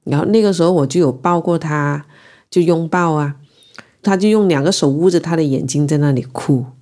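Low, mellow woman from Guangzhou; reflective first-person storyteller. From Guangzhou, China. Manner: reflective, unhurried and emotional in recounting. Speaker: interviewee telling her own story.

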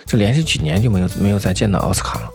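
A man telling first-person stories in an unscripted interview, conversational and halting, often repeating phrases. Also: low voice, expressive, creaky, faint music behind. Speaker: anti-poaching patroller, interview guest.

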